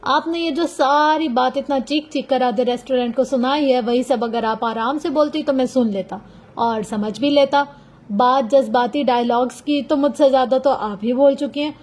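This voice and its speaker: Storybook lead: gentle persuasive young male officer, read by a woman, high voice. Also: normal speed, lightly acted. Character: earnest young man, police officer, calm and soft-spoken.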